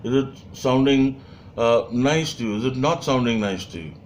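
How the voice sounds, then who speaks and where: A man giving a training lecture, measured, with frequent fillers and rhetorical questions. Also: medium pitch, darkish tone, slight background noise. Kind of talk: lecture to camera.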